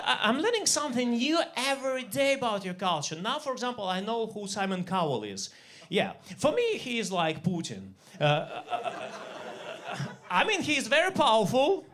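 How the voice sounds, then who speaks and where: A high-voiced man in his forties with a Russian accent works a comedy club stage through a handheld mic. His deadpan delivery stumbles through fillers and restarts between punchlines, and English is not his first language. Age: 40s. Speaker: stand-up comedian. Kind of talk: stand-up comedy set.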